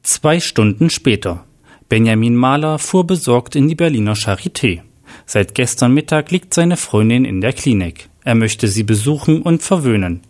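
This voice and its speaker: Guy reading out a crime story, steady and plain, middle pitch. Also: moderate pace. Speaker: narrator.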